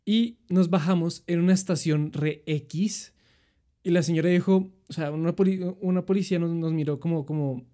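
A man's voice: fairly high pitch, normal speed. A young man with a Colombian accent telling travel stories in a chatty, rambling way. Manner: chatty, rambling, animated retelling. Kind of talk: casual storytelling.

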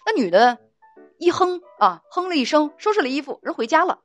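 A woman hosting an advice show, telling a cheating story with open scorn and indignation. Her voice sits fairly high and swoops up and down. Faint music plays underneath her. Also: big pitch swings, a little fast. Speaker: host of a relationship advice show. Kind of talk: storytelling commentary.

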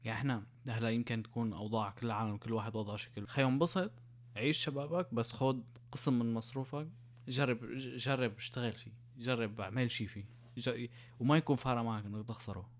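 Young man, Syrian Arabic accent, rapid delivery, mid-range pitch, casual chat, explanatory, rhetorical questions. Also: fairly even intonation. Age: young adult.

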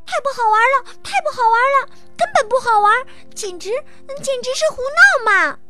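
A woman's voice: sing-song, normal speed, sharp tone, faint music behind, heavily acted. A woman voicing an upset little rabbit who complains in a storybook reading. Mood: indignant. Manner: high, indignant complaining.

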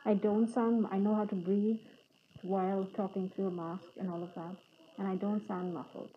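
A woman's voice: medium pitch, flat delivery, normal speed. Woman, podcast host, speaking through a face mask, thin phone-like recording, faint background noise. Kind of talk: casual podcast talk and reading aloud from a book.

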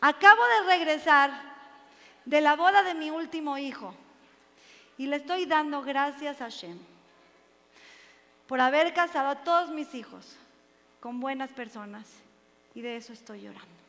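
A woman voicing a grateful older man who speaks quietly through tears, in a reverberant hall. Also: very high-pitched, normal speed, gravelly, pauses often, full character voice. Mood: tearful. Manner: quiet and tearful.

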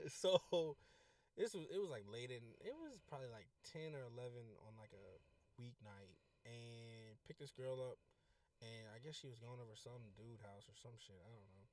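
A man's voice: medium pitch, moderate pace, dry recording. Laughing St. man, a bit far off. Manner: laughs often, profane storytelling. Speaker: rideshare driver. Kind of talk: casual chat.

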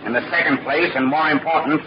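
A man's voice: fairly high pitch, close to an everyday voice. Guy acting cold pompous villain boss, 1940s radio serial, talks down to everyone, muffled noisy recording. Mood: cold, commanding. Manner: pompous, condescending, theatrical, deliberate. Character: cold, imperious middle-aged male villain, father and criminal boss.

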